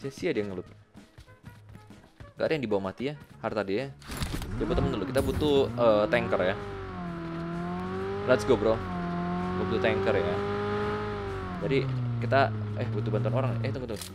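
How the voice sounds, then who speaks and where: Chatty young man over loud game music. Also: fairly low pitch, moderate pace, pauses often. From Indonesia. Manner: chatty, joking, lectures viewers between jokes. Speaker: gaming YouTuber. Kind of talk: casual gameplay commentary.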